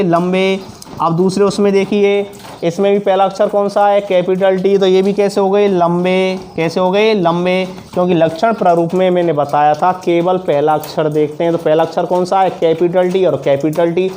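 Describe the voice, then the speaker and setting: Guy teaching class, high voice, asks then answers himself, bit of noise behind. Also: a little mellow. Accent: Hindi-speaking north Indian. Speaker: science teacher. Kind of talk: classroom lesson with call-and-response questions.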